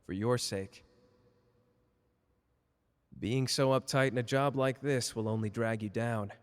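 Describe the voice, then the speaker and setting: A man's voice: medium pitch, steady tone, measured pace, clean tone, natural voice. Man acting cocky, flirty Gojo in long reverb. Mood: smug, teasing. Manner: teasing, casual, boastful. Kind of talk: ASMR character roleplay addressed to listener.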